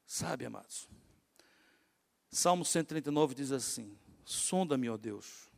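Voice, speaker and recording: A man's voice: mid-range voice, lively intonation, measured pace, vocal fry. A Northeastern Brazilian man in his fifties, a pastor preaching a sermon with many rhetorical questions and call-and-response with his congregation. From Natal, Northeast Brazil. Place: church sanctuary. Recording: long hall reverb.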